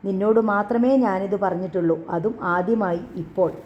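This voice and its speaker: A woman's voice: medium pitch, a little fast, natural voice. A woman voicing an earnest, anxious young man in love, who pleads with a trembling voice. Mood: pleading. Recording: dull lo-fi audio.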